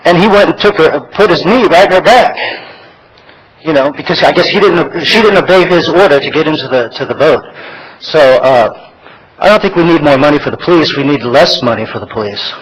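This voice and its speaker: An American man with a slightly high voice speaks off the cuff at a public meeting. He is halting, often repeating words and breaking off mid-phrase as he makes his case. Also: lively intonation, low-quality recording. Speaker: public commenter at a county meeting. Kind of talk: impromptu public comment.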